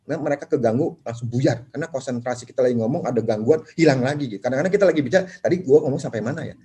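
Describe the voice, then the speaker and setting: A man speaking at a property seminar, animated, acting out clients in quick voices. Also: mid-range voice. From Indonesia. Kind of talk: lively seminar talk.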